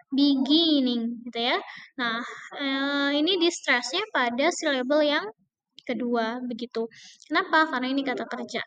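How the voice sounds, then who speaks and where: Indonesian lady lecturer, high voice, lots of uh and em, stretches out example words slow. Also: pushed and bright, smooth, highs cut off. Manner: mixes Indonesian and English, hesitant fillers, drawn-out example words. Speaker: English pronunciation lecturer. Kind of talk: recorded lecture explaining word stress.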